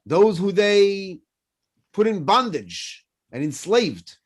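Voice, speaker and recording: Teaching a morning class, a French-speaking rabbi in his fifties talks slowly in a somewhat high voice that rises and falls a lot. He's animated, weaving in personal anecdotes and asking his audience question after question.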